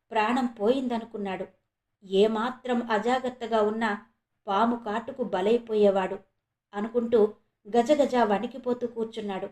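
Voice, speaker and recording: Woman storyteller, horror serial narration, fairly high voice, roomy echo. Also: darkish tone. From India. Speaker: storyteller, channel host.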